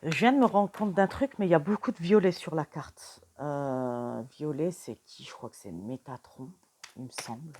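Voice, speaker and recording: A woman's voice: sits low, moderate pace, darkish tone, a little hiss or hum. A tired young woman giving a casual card reading, chatting straight to the viewer with many fillers. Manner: whispers questions to the cards. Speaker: tarot reader.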